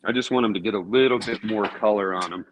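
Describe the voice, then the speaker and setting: A man's voice: on the low side, fast talker, noisy background. A man hosting his own cooking vlog, chatting casually and thinking aloud as he grills. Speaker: cooking show host.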